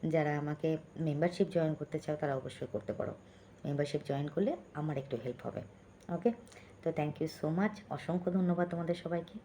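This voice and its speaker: A woman talks softly and close to her phone, keeping her voice down at home late at night. Her voice is low and mellow, and she chats warmly with viewers, often asking if they follow. A faint hiss sits behind her. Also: fairly quick. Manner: speaks softly and close to the phone so as not to wake others; chatty, keeps checking in with listeners. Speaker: vlogger. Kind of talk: late-night vlog outro, reading viewer comments. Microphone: phone held close.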